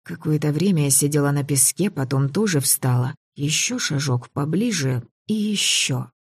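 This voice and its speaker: Low-voiced woman narrating an audiobook. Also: normal speed, slightly rough, no room sound, clean studio sound. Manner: expressive, lively in dialogue. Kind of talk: first-person audiobook narration.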